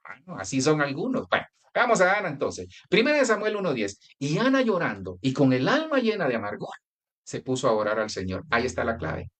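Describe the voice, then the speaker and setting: Male pastor, Colombian accent, conversational sermon delivery, animated swooping intonation. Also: medium pitch, a little fast. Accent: Colombian Spanish. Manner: conversational preaching with anecdotes and direct address.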